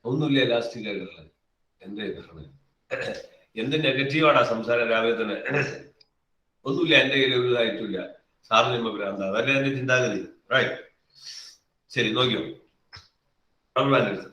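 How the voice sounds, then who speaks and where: A man's voice: mid-range voice, moderate pace, pauses often, pushed and bright. A man teaching a physics class live online. He calls on students by name, coaxes answers out of them and repeats key phrases over and over. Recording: echoey room, mic far off.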